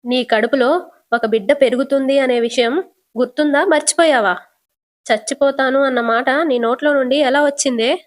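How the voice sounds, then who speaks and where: A woman's voice: high-pitched, moderate pace, natural voice. A woman voicing an older mother-in-law who scolds her daughter-in-law. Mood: scolding. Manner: scolding, reproachful.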